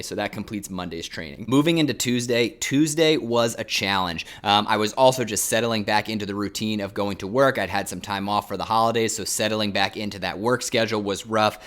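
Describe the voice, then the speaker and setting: A man's voice: on the low side, fairly bright tone. A man talking casually in a vlog, recapping things step by step in a conversational way. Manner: conversational, methodical step-by-step recounting. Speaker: vlogger, amateur runner.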